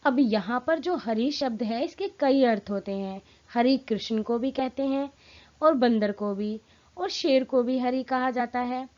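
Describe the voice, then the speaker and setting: A woman teaching a Hindi grammar lesson in a clear, explanatory way, stressing her example lines. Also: a little high, measured pace, a little mellow, dull audio.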